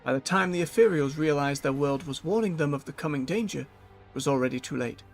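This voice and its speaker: A man's voice: fairly high pitch, soft background music. Chatty male game streamer. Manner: chatty, animated, quick asides. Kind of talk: casual live-stream commentary.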